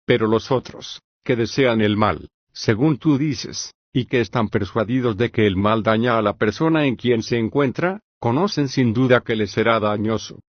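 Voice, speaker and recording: A man reading the part of Socrates, an older philosopher who keeps asking questions, in an even audiobook voice. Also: mid-range voice, moderate pace, few pauses, dry recording, muffled recording, lightly acted. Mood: questioning. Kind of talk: flat audiobook reading of a dialogue.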